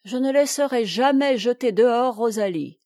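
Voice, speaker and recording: A woman voicing a gentle young mistress of the house who speaks softly and soothingly in a read-aloud novel. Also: on the high side, animated, normal speed, dry recording, studio quality, lightly acted. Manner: soft, hushed and soothing.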